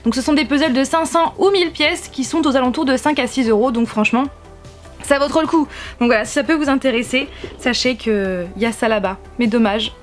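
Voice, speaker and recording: A woman's voice: high voice, fairly quick, faint music behind. A young woman vlogging at home, chatting enthusiastically about her purchases with lots of restarts. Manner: enthusiastic, gushing, many restarts. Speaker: YouTube vlogger. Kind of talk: casual haul video chat. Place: warm room at home with a fan running. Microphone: camera-mounted shotgun mic.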